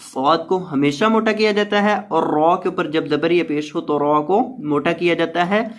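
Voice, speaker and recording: A man teaching Quran recitation word by word, explaining each rule patiently and then drawing the words out slowly. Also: on the high side. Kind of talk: slow word-by-word tajweed lesson.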